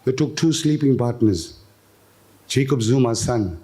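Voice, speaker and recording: A man's voice: medium pitch, unhurried. A man with an Indian South African accent performs stand-up comedy live on stage, acting out dialogue as he tells stories and putting questions to the crowd. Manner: animated storyteller, acting out dialogue and questioning the audience. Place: live on stage at a gala dinner.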